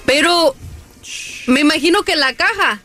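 Bright, high-pitched, exclamatory female co-host. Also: a little slow, faint music behind. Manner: exclamatory, reactive. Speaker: radio co-host. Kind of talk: casual banter.

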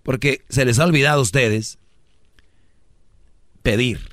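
Dry-voiced Mexican radio host. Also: male voice, mid-range voice, unhurried, fairly bright tone, no room sound. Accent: Mexican Spanish. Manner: joking, preachy, full of rhetorical questions. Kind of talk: comic advice monologue.

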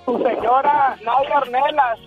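A man's voice: very high-pitched, steady tone, a little slow. A man with a Mexican accent calling a radio show, chatting casually and jokingly with a few English loanwords. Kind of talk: casual call-in chat. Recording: dull band-limited call, music behind. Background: music.

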